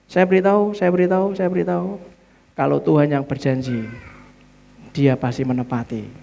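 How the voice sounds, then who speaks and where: Male pastor, Javanese accent, high-pitched and animated sermon delivery with call-and-response. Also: normal speed, gravelly. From Central Java. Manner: acts out dialogue with shifting voices.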